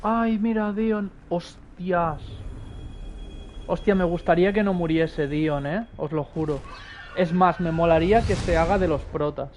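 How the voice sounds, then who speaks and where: Young Spanish-accented male streamer, keyed-up live gameplay commentary, fond of curses and repeated words; a touch high-pitched. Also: measured pace, a little hiss or hum. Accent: Spain Spanish. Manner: excitable, swears often, repeats words in bursts. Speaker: game streamer.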